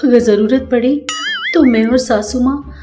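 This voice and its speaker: Woman as a gentle young daughter-in-law. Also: fairly high pitch, steady tone, unhurried, music in the background, lightly acted. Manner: gentle, coaxing.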